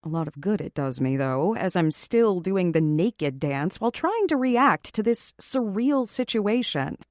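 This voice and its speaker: A woman narrating a first-person romance audiobook in a wry, sarcastic, expressive way, close to the mic. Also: lowish voice, no room sound.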